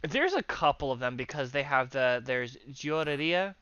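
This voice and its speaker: Bright-voiced man on a muffled mic. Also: medium pitch, measured pace, clean tone, no echo. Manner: chuckling, easygoing. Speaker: channel host. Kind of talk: casual voice chat.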